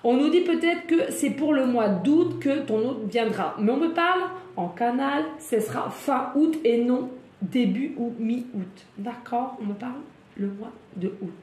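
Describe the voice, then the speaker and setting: A woman doing a casual card-reading video, chatty and exclamatory, laughing often and slowing down to repeat each message. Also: sits high, animated, a little mellow. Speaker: tarot card reader. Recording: echoey room with faint ambient noise.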